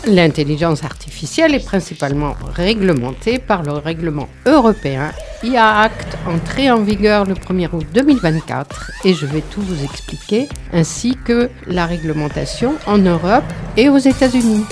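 Female legal columnist for radio, scripted, slightly low register, faint music. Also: animated, moderate pace, few pauses. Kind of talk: scripted segment teaser. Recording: music bed under voice.

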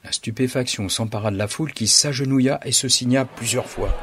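A man reading a story aloud in a dramatic, measured narration. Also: mid-range voice, background noise.

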